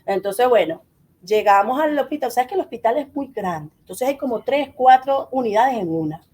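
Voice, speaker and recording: Lady, middle aged, chatty storyteller who acts out what people said, kinda husky and mellow. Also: fairly high pitch, normal speed. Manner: animated, acts out quoted dialogue. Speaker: interview guest. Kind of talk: personal storytelling in an interview.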